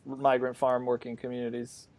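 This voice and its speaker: A man's voice: mid-range voice, completely flat delivery, normal speed, a little mellow. A male interview host from South Carolina, giving short affirmations and sometimes stammering. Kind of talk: podcast interview.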